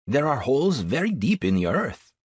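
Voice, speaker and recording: A cheerful Ecuadorian guide in his thirties, played by a man, talking with a Spanish accent in a lively, up-and-down voice with a husky edge. He explains things patiently and slows over tricky words, in a dry, close audiobook read. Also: medium pitch, no room sound. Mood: explaining.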